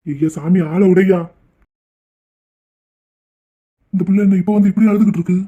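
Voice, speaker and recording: Cartoon: a man playing a meek tea seller, quick and high-voiced, dull lo-fi sound. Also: darkish tone. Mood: fretful. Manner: pleading, fretful. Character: meek adult male tea shop owner. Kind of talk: cartoon voice acting.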